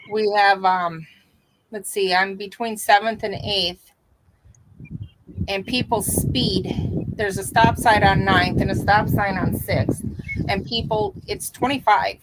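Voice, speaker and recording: A woman's voice: mid-range voice, steady tone, slow, long pauses, fairly bright tone, a little hiss or hum, rough recording. A middle-aged woman from the upper Midwest with a Minnesota accent, chatting casually as host of a live stream. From Minnesota and Wisconsin, upper Midwest. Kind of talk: casual chat.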